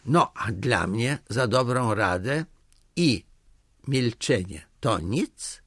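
A crafty male clerk coaxes and bargains in a storybook reading, in a higher, wheedling voice with a lively lilt. A man voices him in a dry, close recording. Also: slow pace, no echo, exaggerated voice. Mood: scheming. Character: sly, scheming male village clerk.

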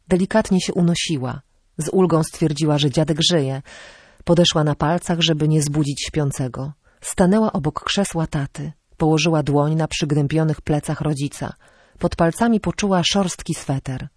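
A woman reading an audiobook in calm, measured scripted narration. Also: low-pitched, slightly rough, dry recording, studio quality.

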